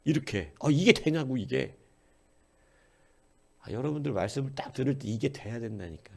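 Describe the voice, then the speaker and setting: A male pastor delivering an early-morning sermon in a lively, wide-ranging voice that carries a gravelly rasp. He swings from loud exclamations down to near-murmurs. He piles rhetorical questions on his listeners. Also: medium pitch, moderate pace.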